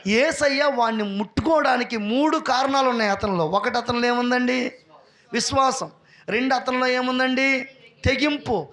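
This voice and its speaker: A man with a high, ringing voice preaches a sermon with fervor. He stops his story again and again to call on the people to praise, and he acts out each person's lines as he tells it. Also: moderate pace, a bit bright. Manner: fervent preaching, calls out for praise; retells stories, acting out each person's lines. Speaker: pastor. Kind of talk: live sermon with testimony story.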